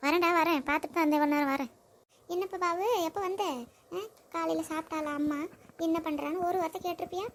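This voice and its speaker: A woman playing a sharp-tongued, nagging mother-in-law in a comedy sketch, scolding her son's wife. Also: very high-pitched, fairly even intonation, fast, slight background noise. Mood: complaining.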